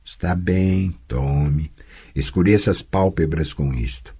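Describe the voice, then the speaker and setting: A man voicing a patient, teasing sorceress who tutors a girl, speaking calmly and gently chiding in an audiobook. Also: low voice, slow, husky, voice pushed down, full character voice. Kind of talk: audiobook character voice.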